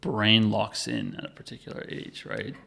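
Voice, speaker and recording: A man's voice: lowish voice, flat delivery, moderate pace, vocal fry, bright, forceful tone. A man in his thirties talking casually as a podcast guest, rambling loosely with lots of fillers and self-corrections. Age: 30s. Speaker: podcast guest, company founder. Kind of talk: casual interview talk.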